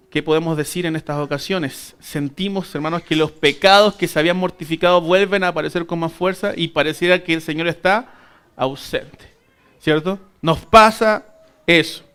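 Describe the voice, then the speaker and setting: A man's voice: fairly high pitch, clear, resonant tone. Man teaching a Bible class. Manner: keeps calling listeners "brothers" and asking "right?"; earnest, uneven emphasis between soft asides and raised points.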